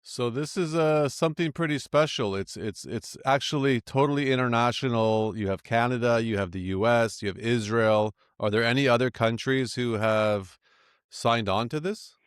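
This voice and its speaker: A man hosting a podcast, interviewing a guest with quick, encouraging affirmations. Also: mid-range voice, clear, resonant tone, no echo, clean studio sound. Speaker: podcast host.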